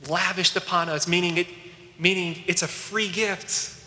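Earnest priest, bright voice in a church. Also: male voice, sits high, steady tone, unhurried, reverberant, in a large hall. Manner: storytelling, earnest and emotional. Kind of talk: sermon.

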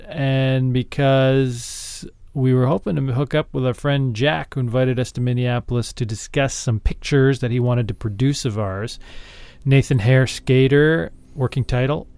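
A man's voice: medium pitch, a little mellow, clear, resonant tone, no echo. A man co-hosting a podcast, chatting casually as he recounts a story. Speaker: podcast co-host.

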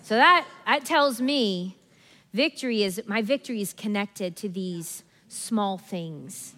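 A woman preaching a sermon in a lively, conversational way, often acting out people's inner thoughts. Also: medium pitch, slow. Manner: animated, acts out congregation's inner voices with laughs. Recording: long hall reverb.

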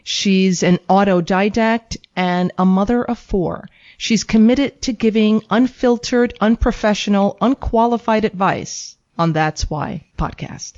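A woman's voice: medium pitch, darkish tone. Radio co-host woman, muffled sound. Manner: brisk, friendly questioning. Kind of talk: radio interview.

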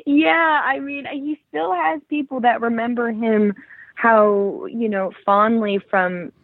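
A thoughtful guest author in her 30s from the Cleveland area of Ohio speaks slowly and steadily in a slightly high voice during a conversational interview. She restarts often and uses many fillers. The recording is dry, with a tinny phone quality.

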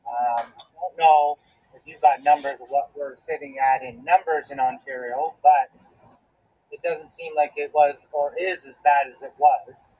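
A man's voice: a little high, steady tone, measured pace, slightly rough. A man calling in on speakerphone, his voice tinny like a pocket transistor radio, explaining things plainly as a school bus driver in casual chat. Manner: plain, matter-of-fact explaining with hesitant fillers. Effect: tinny, like a transistor radio over a speakerphone.

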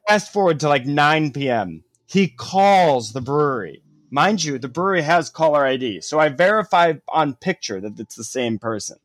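A man's voice: a little high, expressive, moderate pace, a bit bright. A man co-hosting a casual podcast chat, telling a story animatedly with lots of swearing and "like" fillers. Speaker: podcast co-host.

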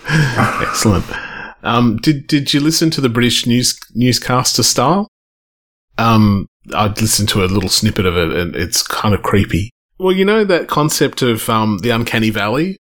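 A man's voice: mid-range voice, moderate pace, a bit bright. A man co-hosting a casual tech podcast. He rambles and restarts his sentences as he thinks aloud. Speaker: podcast co-host.

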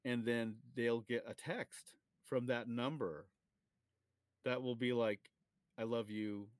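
A man's voice: mid-range voice, fairly even intonation, slow, no echo. Playful male podcast co-host. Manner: playful, laughing. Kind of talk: casual chat.

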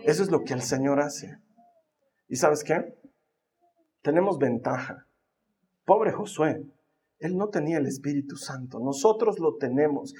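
A man preaches in a high, bright-toned voice, weaving a personal story into the sermon. He leans on emphatic repetition to drive each point home. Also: animated, measured pace, pauses often. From Bolivia. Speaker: pastor.

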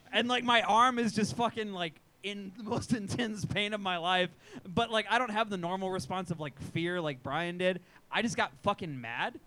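Bright high-voiced man, animated storyteller. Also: normal speed. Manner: animated, acts out his own reactions, profane. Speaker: podcast co-host. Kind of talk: casual chat. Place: live show at a sports bar.

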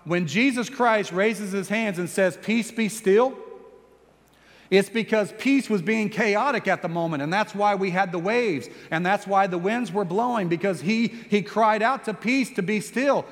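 A male pastor preaching a sermon, telling a story with animated delivery and acting out quoted lines. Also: sits high, normal speed, few pauses, in a large hall.

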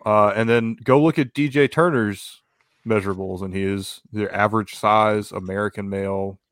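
A man's voice: fairly low pitch, steady tone, moderate pace, dry recording, clean studio sound. A man chatting casually about sports as a panelist on a show.

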